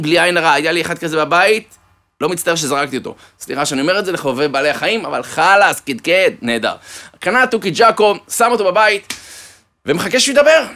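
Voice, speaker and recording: A man giving a sermon, an animated storyteller who fills it with jokes and speaks fondly to his listeners. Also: sits high. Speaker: preacher. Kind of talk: sermon with joke-telling.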